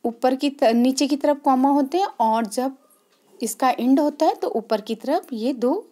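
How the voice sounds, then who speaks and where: A woman's voice: high voice, a little slow, mellow. A woman teacher giving a grammar lesson, explaining step by step and repeating the key points. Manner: explains step by step, repeats key points, asks and answers her own questions.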